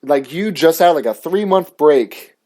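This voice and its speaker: Fairly high-pitched and darkish in tone, the young show host tells his story unhurriedly, with lively intonation. It comes out as a casual, resentful rant full of swearing and filler words.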